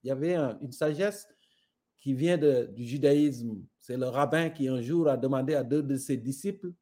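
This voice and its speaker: This middle-aged Senegalese man speaks French with a Senegalese accent, appearing as a guest in a reflective conversation where he tells parables thoughtfully and with conviction. His voice has a medium pitch, a moderate pace and a warm tone.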